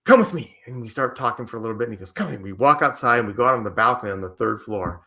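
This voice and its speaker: Bright-voiced American man telling stories. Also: fairly low pitch, very fast. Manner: lively anecdotes with acted quotes. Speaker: podcast guest. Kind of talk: storytelling interview answer.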